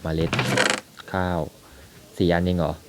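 A young man chatting casually as he plays a video game, thinking aloud and talking to his viewers. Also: measured pace. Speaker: gaming YouTuber. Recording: loud background noise.

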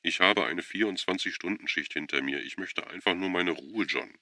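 A man's voice: low-pitched, normal speed, bright, forceful tone, no room sound, studio quality, voice pushed up. A man reading an audiobook voices a tired, irritated woman who is a nurse, curt and weary, pleading when pressed.

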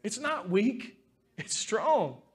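Guy pastor preaching, heartfelt and earnest, kinda high voice, just talking to his church. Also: very animated, drawn-out words, breathy edge. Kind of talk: sermon.

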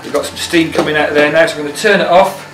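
A middle-aged chef and cookery teacher gives a casual, plain-spoken cooking demo in an indoor commercial kitchen full of steel surfaces. His voice is on the high side, steady in tone and very fast, picked up far from the mic. The sound is roomy and off-mic, with music playing.

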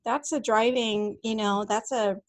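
A middle-aged woman hosts a podcast in easy conversation, upbeat and encouraging and often laughing. Her voice sits a little high for a woman. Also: fairly even intonation, a little slow. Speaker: podcast host. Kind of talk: casual chat.

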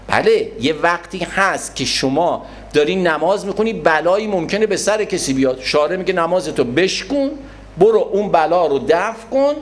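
A man giving a religious lecture on prayer, animated, acting out people in little scenes. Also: fairly high pitch. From Iran. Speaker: Quran scholar and lecturer.

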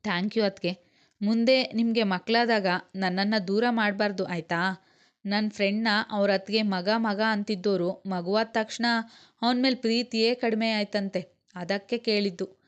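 A woman's voice: medium pitch, fairly even intonation, normal speed, lightly acted. Woman voicing an indignant young man, scornful, in a mid-range voice. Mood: pleading. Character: angry young man scolding his mother.

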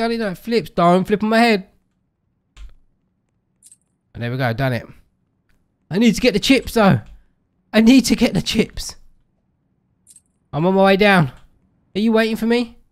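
A man's voice: high voice, lively intonation, fairly quick, long pauses, clean tone. A man hosting a co-op game video, teasing and joking with his partner. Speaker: gaming channel host. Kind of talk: playful gaming banter.

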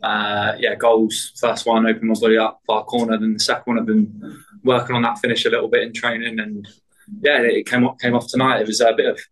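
This is a man speaking in a lowish, fairly flat voice as a soccer player answering post-match questions. He talks hesitantly, with many fillers and restarts along the way. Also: brisk, poor audio.

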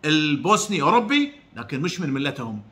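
A man's voice: sits high, big pitch swings, quick pace, pushed and bright. A man lecturing viewers in a preachy, direct way, firing rhetorical questions and repeating his points. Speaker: online religious commentator. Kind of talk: preachy direct-to-camera talk.

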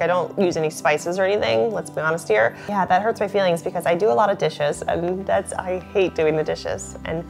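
Chatty woman in her late twenties. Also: mid-range voice. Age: late 20s. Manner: chatty, lots of "like" fillers, bubbly. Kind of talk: casual chat to camera.

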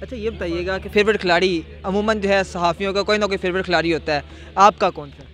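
A young man runs quick interviews out on a stadium ground at night, pushing a handheld mic toward each guest. His voice sits high and his questions tumble out fast. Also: fairly even intonation, fairly bright tone. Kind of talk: field interview. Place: outdoor cricket stadium at night.

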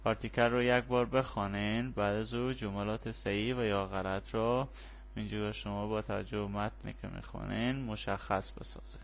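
A man with a Persian accent teaching an English lesson, reading English words slowly and explaining fast in Persian. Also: lowish voice, steady tone, vocal fry. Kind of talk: bilingual language lesson.

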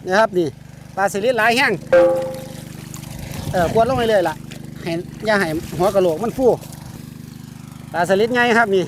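A man's voice: high voice, normal speed, long pauses, background noise. A man with a Northeastern Thai Isan accent, giving casual, exclamatory running commentary to viewers outdoors, often repeating words. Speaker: fishing vlog host. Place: outdoors at a rural pond.

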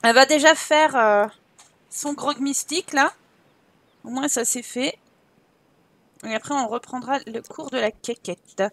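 A woman's voice: high-pitched, unhurried, long pauses, a bit bright. A woman hosting a gaming channel, giving casual gameplay commentary, chatty and joking as she thinks aloud.

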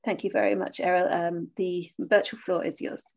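Chairing an academic webinar on a video call, a woman with an Essex accent sounds hesitant, full of fillers and restarts. Her voice is on the low side and gravelly, level in tone, at a moderate pace. The recording has dull, lo-fi call audio.

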